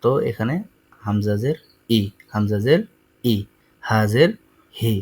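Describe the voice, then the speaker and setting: A man teaching Quran letter sounds, saying each letter and its vowel twice in a slow, deliberate drill. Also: lowish voice, darkish tone, poor audio. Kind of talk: slow recitation lesson.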